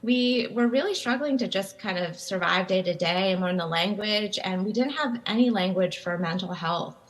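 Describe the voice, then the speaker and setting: Through a video call webcam, a guest lecturer in her forties from Taiwan talks from a room at home with bookshelves. She speaks at a normal speed in a mid-range voice, often saying um and starting over, and the recording is rough.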